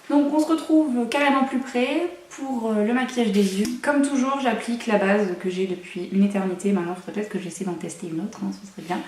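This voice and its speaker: A beauty vlogger walks through her makeup routine at home, chatting casually and poking fun at herself. She's a young woman whose higher voice carries a darkish tone. The microphone is set back, catching an echoey room.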